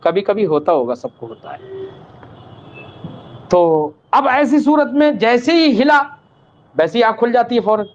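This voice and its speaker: The voice is very high and sing-song, broken by long pauses, and the recording is dull and lo-fi. A religious teacher leads an Islamic law lesson, reciting Arabic text before explaining it patiently, calling students "child" and confirming they understood.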